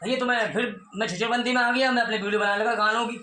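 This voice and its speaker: A man's voice: very high-pitched, steady tone, quick pace, sharp tone, roomy sound, slight background noise. A man telling his side of a family dispute, heated and pleading, repeating his points. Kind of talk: emotional personal account.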